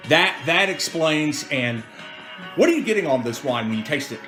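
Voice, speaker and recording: Male wine-show host, very animated, theatrical, higher-pitched, casual, music underneath. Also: normal speed. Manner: playful, theatrical announcing with digressions. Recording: music behind the voice.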